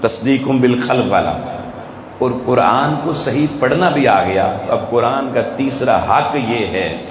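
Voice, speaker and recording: A man with a Pakistani Urdu accent and a medium-pitched voice delivers a sermon to a live audience, pressing listeners with rhetorical questions. He is a religious speaker in an event hall, and the recording is echoey with faint ambience and a slight hiss or hum.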